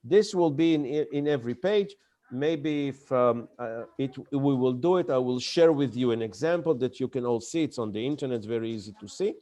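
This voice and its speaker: A man who isn't a native English speaker delivers an emphatic lecture on pitching startups, repeating key words and acting out examples. He speaks at a normal speed in a dark tone.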